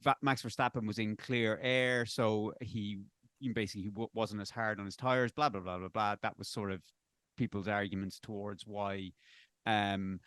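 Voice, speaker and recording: A man's voice: lowish voice, steady tone, normal speed, a bit bright, clear, resonant tone, no echo. A man on a racing review panel, talking casually in a rambling, self-correcting way and speaking bluntly with some swearing. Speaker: panel pundit. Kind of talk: casual race review chat.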